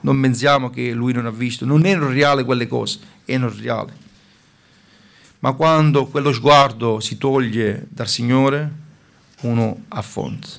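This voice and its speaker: A man's voice: mid-range voice, steady tone, a little slow, vocal fry. A man preaching a sermon in a fervent way, stopping now and then to restart a word.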